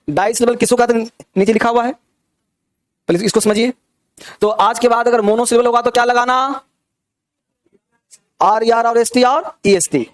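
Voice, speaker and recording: High-voiced man teaching a grammar class. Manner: repeats questions to check understanding; drills examples slowly word by word.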